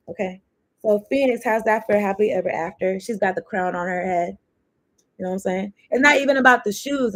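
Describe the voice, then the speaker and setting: A woman with a medium-pitched voice gives a relaxed tarot reading. She talks on and on, hopping loosely between cards and passing thoughts, cursing every so often.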